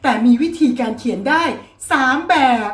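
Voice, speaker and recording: A woman's voice: high-pitched, expressive, normal speed, reverberant, slight background noise. A woman teaching an English phonics lesson, patiently repeating each example word.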